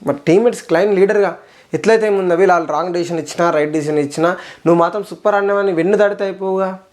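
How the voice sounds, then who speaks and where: Young telangana guy ranting through a show review, rapid talk, keeps repeating himself when he gets worked up. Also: high voice, a little mellow. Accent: Telangana Telugu. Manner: fired-up and indignant, repeats phrases for emphasis. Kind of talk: casual rant-style episode review.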